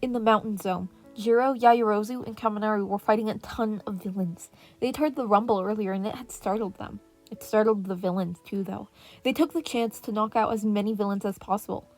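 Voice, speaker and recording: Calming piano and birdsong accompany a woman performing podfic narration of scripted fan fiction. She speaks a little fast, in a medium-pitched, slightly mellow voice.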